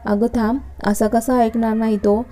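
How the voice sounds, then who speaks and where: A woman's voice: fairly high pitch, little pitch movement, moderate pace, dark tone, natural voice. A woman reading the part of a firm, bantering middle-aged father in a story.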